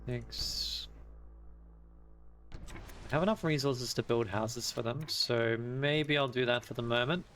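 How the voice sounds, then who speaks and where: An Australian man streams a strategy game, casually thinking aloud, correcting himself and musing over choices. His medium-pitched, fairly bright voice is slow with frequent pauses, music plays underneath, and there's a little hiss or hum.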